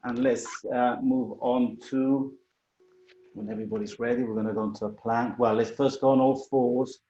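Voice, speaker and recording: A man's voice: medium pitch, steady tone, normal speed, dark tone, slight background noise. A man instructing a yoga class in a conversational way, correcting himself as he demonstrates the moves. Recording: echoey room, dull muffled sound.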